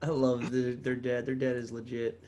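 A man's voice: medium pitch, monotone, moderate pace, mellow, a little hiss or hum. A man in casual chat who agrees emphatically and laughs easily.

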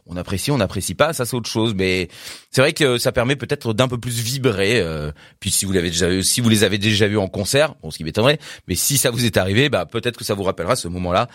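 A man's voice: on the low side, quick pace, fairly bright tone, no echo, clean studio sound. A man presenting new rock songs on the radio in a casual, rambling way, with many fillers and little laughs. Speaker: radio music show host.

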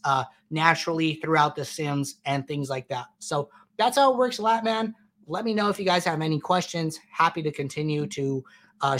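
A man's voice: on the high side, fairly bright tone. A man hosting a live-stream Q&A, answering viewer questions in a loose, chatty way with plenty of fillers and restarts. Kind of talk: casual live-stream Q&A explanation.

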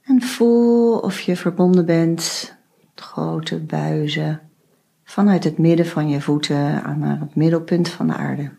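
Slow, husky woman guiding a meditation. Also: sits low. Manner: slow, soft instructions with long pauses. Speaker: meditation guide. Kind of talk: guided meditation.

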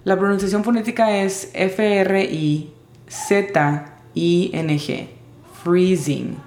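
A woman teaching English vocabulary in Spanish, spelling out each word's sounds slowly and carefully. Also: mid-range voice, steady tone, darkish tone, roomy sound. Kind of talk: vocabulary lesson.

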